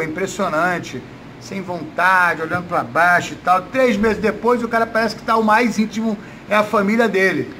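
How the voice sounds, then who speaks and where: A man's voice: sits high, bright, forceful tone, low-quality recording. A Brazilian man in his fifties, a coach giving casual interview answers in a gym with noise behind him. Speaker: jiu-jitsu coach. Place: indoors, gym room. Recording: noticeable background noise.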